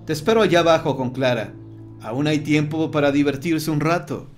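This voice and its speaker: A man voicing a bald male cult leader who speaks in a soft, calm, falsely warm way in an audiobook story. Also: a little high, normal speed, soft background music, lightly acted. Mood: feigned calm.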